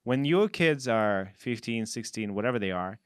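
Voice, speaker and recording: Man, forties, low dry voice, casual co-host, many fillers. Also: lively intonation, smooth, no echo. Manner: halting, many fillers and restarts. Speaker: podcast co-host. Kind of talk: casual conversation.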